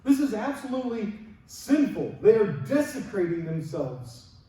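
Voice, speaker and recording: A man preaching a sermon as a pastor, in an energetic, conversational way with rhetorical questions. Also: high-pitched, normal speed. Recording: very echoey hall, distant mic.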